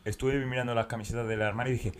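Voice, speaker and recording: Man, casual podcast banter, quick delivery, mid pitch. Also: flat delivery, slight background noise. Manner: joking, loose banter with friends. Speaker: podcast co-host. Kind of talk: casual chat.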